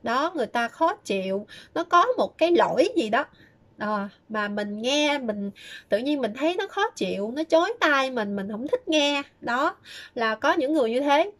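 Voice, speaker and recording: A woman's voice: sits high, lively intonation, normal speed. A woman giving chatty, casual advice, often starting sentences with filler words. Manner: chatty, many fillers and repeated "đó". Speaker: fortune-telling vlogger. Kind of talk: casual spoken advice talk.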